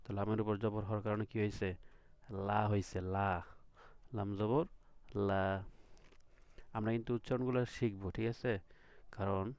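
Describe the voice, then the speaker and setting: In a dry, clean recording, this Quran reading teacher speaks in a fairly low, darkish voice with flat delivery, normal speed and long pauses. His recorded lesson teaches beginners letter sounds, patiently repeating each one and checking with questions.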